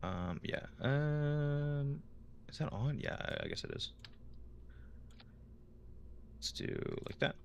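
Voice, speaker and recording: Gravelly, animated young man playing games. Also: on the high side, slow, pauses often, slight background noise. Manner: rambling, joking self-talk with meme quotes. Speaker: gaming video creator. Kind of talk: casual gameplay commentary.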